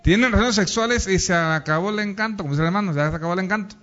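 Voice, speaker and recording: A high-voiced man leading a sermon, teasing couples and throwing questions at the crowd. The recording sounds dull and low-fidelity. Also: very fast, bright, forceful tone. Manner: teasing, playful, asks the congregation questions. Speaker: preacher. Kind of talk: lively sermon with audience questions.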